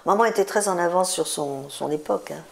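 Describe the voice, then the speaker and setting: A woman's voice: fairly low pitch, fairly quick, vocal fry. A woman in her seventies, a singer, telling stories in a chatty interview, repeating words for emphasis. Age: 70s. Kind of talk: relaxed interview storytelling.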